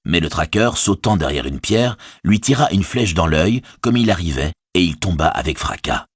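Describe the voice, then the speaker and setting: Husky man narrating an audiobook. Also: sits low, lively intonation, normal speed, dry recording, studio quality. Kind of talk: scripted narration.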